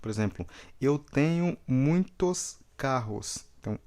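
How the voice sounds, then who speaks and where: A native Portuguese-speaking man teaches English vocabulary at an unhurried, deliberate pace. He says each word several times and pauses often to check that his students are following. His voice sits at an ordinary middle pitch. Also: lively intonation, darkish tone. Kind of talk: vocabulary lesson with repetition drills.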